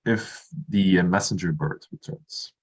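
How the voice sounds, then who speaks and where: A man's voice: low-pitched, a little slow, husky. A man chatting casually and improvising as a player in a tabletop role-playing game. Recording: music playing behind.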